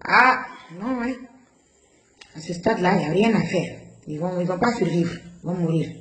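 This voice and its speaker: Animated woman. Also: fairly low pitch, moderate pace, crowd noise. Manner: animated, acts out the dialogue of others. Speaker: guest recounting a personal experience. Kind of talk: emotional first-person storytelling. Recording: roomy with faint background noise.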